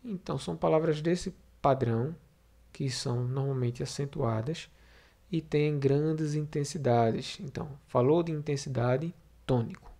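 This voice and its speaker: A man's voice: on the high side, a little slow, dark tone. A man teaching a Portuguese grammar video lesson to sixth graders, explaining step by step with recaps and frequent fillers.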